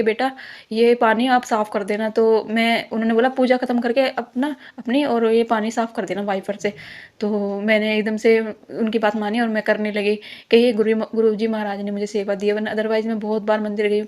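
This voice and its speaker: A woman's voice: mid-range voice, darkish tone. A young woman giving an earnest devotional testimony, rambling with many restarts.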